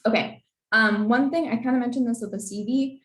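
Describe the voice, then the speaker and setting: A young woman who is losing her voice runs an informal advice session with slides, chatting casually and using lots of fillers. Her voice is on the high side and a little fast, and the sound is roomy.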